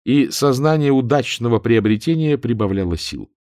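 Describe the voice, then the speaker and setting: A man narrating a humorous novel as an audiobook reader, with a wry, expressive storytelling manner. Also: mid-range voice, normal speed, no echo, clean studio sound.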